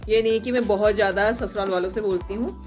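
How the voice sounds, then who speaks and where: Young woman vlogger, hoarse from a cold, chatty running commentary over soft background music. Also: mid-range voice, steady tone, quick pace. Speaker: family vlogger. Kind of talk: casual home vlog narration.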